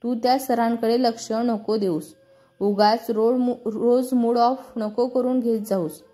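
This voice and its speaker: Lady doing a sweet young friend from a storybook, calming, soft dark tone, music faint. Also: fairly high pitch, takes it slowly. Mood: soothing. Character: kind young woman friend, soothing.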